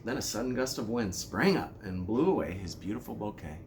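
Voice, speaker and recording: Reading a children's story to listeners, a male elementary school principal uses a fairly low voice and an expressive, carefully paced delivery. Background noise is clearly audible.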